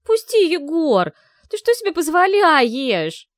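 A woman reading a fierce young woman athlete, voicing her with shrill, frantic outbursts in a storybook reading. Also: sing-song, fast talker, vocal fry, darkish tone, no room sound, clean studio sound. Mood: panicked.

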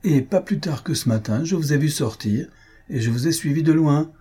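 A man reading aloud, voicing a gallant marquis who teases a young countess, in a dark, husky voice. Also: on the high side, animated, normal speed, pitched above the performer's own voice. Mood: teasing. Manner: teasing, gallant. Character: gallant male marquis, teasing admirer.

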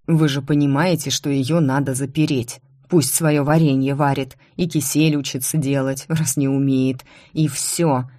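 A woman's voice: a bass voice, fairly even intonation, unhurried, hardly any pauses, mellow, no echo, clean studio sound. A woman reading a furious male rector mage. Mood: indignant. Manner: angry, scolding. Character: stern male university rector, irritable mage. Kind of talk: audiobook character reading.

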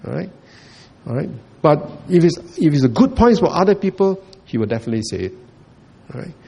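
A man's voice: on the high side, big pitch swings, fairly quick, gravelly, mellow, breathy edge. A man giving a Buddhist dharma talk, repeating points, checking in with listeners and chuckling often. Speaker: Buddhist teacher.

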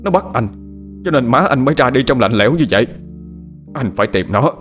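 A man's voice: lowish voice, quick pace, soft background music, lightly acted. A man voicing a young poor farmer who speaks earnestly and openly. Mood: anguished. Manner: earnest, pleading, then raging. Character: young poor farmer, proud and hot-headed.

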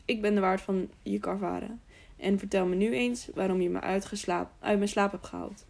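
A gruff, grumpy innkeeper man, read by a woman. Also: mid-range voice, steady tone, normal speed, darkish tone, lightly acted. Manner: gruff and curt, complains about stiff legs. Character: grumpy sleepy middle-aged male innkeeper.

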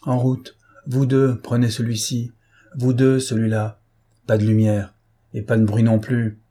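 Villainous gang boss in an audiobook, curt and menacing, clipped orders, dark husky tone, voiced by a man. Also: medium pitch, monotone, unhurried. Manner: curt, commanding, hushed menace. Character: cold male gang leader giving orders.

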